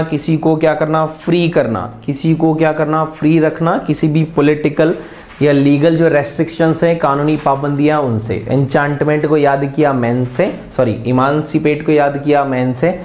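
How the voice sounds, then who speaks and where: A man's voice: fairly high pitch, reverberant. A man teaching an exam-prep vocabulary lesson, repeating each word and quizzing viewers with questions.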